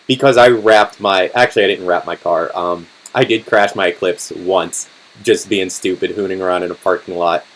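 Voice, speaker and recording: Chatty young man, rambling and hoarse. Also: low voice, poor audio. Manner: relaxed and rambling, many ums and restarts. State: voice getting hoarse. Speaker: car channel host. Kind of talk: casual live-stream Q&A.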